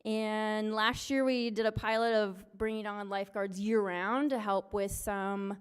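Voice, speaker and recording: A woman in her forties, a recreation coordinator presenting at a city meeting in an upbeat, loud lifeguard voice with many fillers. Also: mid-range voice, little pitch movement, unhurried, clean tone. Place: city council meeting room.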